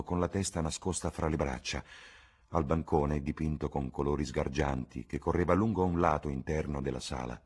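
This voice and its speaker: Male audiobook narrator, deep and husky, slow measured literary reading. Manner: slow, measured and dark storytelling. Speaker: audiobook reader.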